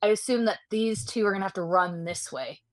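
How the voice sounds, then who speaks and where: A woman's voice: mid-range voice, brisk, no echo. A woman playing a tabletop game, explaining her moves at length. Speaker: player.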